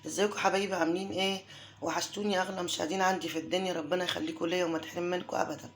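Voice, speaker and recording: An Egyptian woman hosting a home cooking tutorial, her voice hoarse from a cold, showering her viewers with affectionate blessings. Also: fairly low pitch, steady tone, very fast, slight background noise. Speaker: home cooking channel host.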